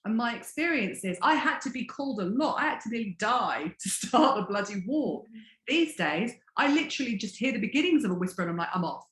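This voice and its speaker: A woman wellness coach teaching in conversation, telling stories in an expressive, animated way. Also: on the high side, fairly quick, reverberant.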